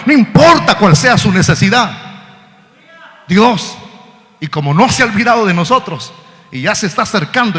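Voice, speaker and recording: A preacher who swings from quiet talk to shouting. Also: male voice, sits high. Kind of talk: fiery evangelical sermon. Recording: shouting with long hall reverb.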